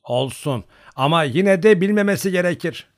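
A man's voice: on the high side, animated, moderate pace, voice pushed up, close to an everyday voice. A man voicing a young male Cossack companion who sounds worried and a little touchy, with a slightly raised voice.

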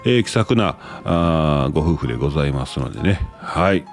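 A man's voice: rumbling low, animated, fairly quick, soft background music. A man, in his thirties, hosting a casual radio-style talk show and reading listener letters aloud in a chatty, rambling way. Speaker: podcast host.

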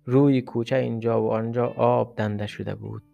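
A man reads a literary short story in a measured, reflective way. His voice is gravelly and sits at an ordinary middle pitch, with soft guitar music playing faintly behind him. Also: flat delivery, lo-fi sound. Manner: measured, reflective first-person narration. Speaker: story reader.

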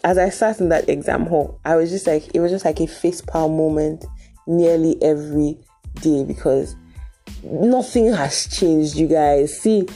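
A young woman with a Nigerian accent tells a story to her vlog viewers in a lively, expressive way. Her voice sits a little low and sounds mellow and warm. Faint music plays underneath. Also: measured pace. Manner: animated, expressive, talks straight to viewers. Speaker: vlogger.

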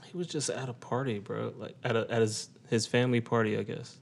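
A man's voice: mid-range voice, fairly even intonation, brisk, creaky. A young man bantering casually with a friend in slangy, laid-back frat-bro talk.

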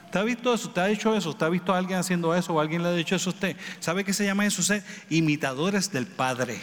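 Dad preaching a sermon, kinda high voice, lots of repeating and asking the crowd stuff, echoey hall w/ a little noise. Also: male voice, fast, a bit bright. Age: adult with children. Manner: preaching with repetition and rhetorical questions, swinging from raised to low. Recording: reverberant hall with faint background noise.

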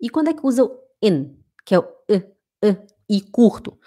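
A Brazilian woman with a Carioca accent, teaching German pronunciation in a live online lesson and acting out little dialogues while slowly repeating words for practice. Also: medium pitch. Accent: Brazilian Portuguese, Carioca. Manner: animated, drills words by repeating them slowly.

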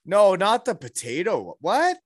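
A man's voice: sits high, a little slow, husky. A man chatting casually with old friends on a video call, laughing often as he tells stories. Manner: laughing, animated storytelling. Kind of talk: casual chat.

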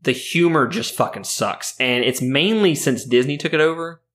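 A man's voice: fairly high pitch, lively intonation, moderate pace, a bit bright. Blunt, foul-mouthed podcast man. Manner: blunt, heavy swearing. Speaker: podcast co-host. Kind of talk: casual chat.

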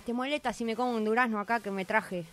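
A woman with an Argentine accent voicing a weary, broke male Cupid in a radio comedy sketch, hoarse from shouting, slangy and complaining. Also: on the high side, steady tone, fairly quick, close to an everyday voice. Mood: grumbling. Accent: Argentine Spanish. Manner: slangy, complaining, laid-back.

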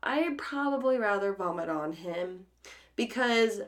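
A woman's voice: medium pitch, lively intonation, a little slow. A young woman co-hosting a casual podcast chat, giggly and a bit hesitant. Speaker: podcast co-host.

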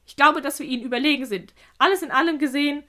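Woman reading aloud, old female spider, squeaky, metallic, high, matter-of-fact, storybook. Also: fast talker. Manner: higher and louder than her reading voice.

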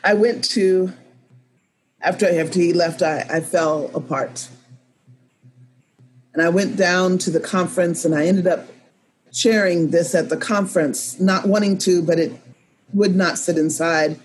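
Storyteller woman, measured and repeating. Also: fairly low pitch, steady tone, a little hiss or hum. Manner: measured, repeating phrases for emphasis. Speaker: professional storyteller. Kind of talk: told personal story to a live audience.

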